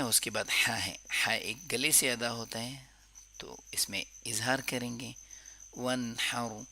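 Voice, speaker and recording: Male recitation teacher, bright voice, unhurried, chants verses slowly then explains, faint crickets behind. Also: medium pitch, slight background noise. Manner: slow drawn-out recitation between quick explanations; corrective, repeating wrong and right forms. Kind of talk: tajweed lesson.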